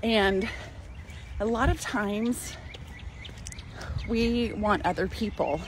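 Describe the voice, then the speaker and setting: Walking outdoors through a parking lot, an older woman who hosts a cooking channel chats warmly with her viewers, holding her phone at arm's length to film herself. Her mid-range voice moves very slowly, and the outdoor phone audio is poor, with clear background noise.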